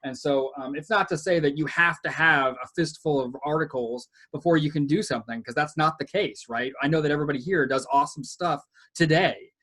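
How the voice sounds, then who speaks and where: Earnest, measured man with fillers. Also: fairly high pitch, a bit bright, husky. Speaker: education researcher. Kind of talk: casual panel discussion.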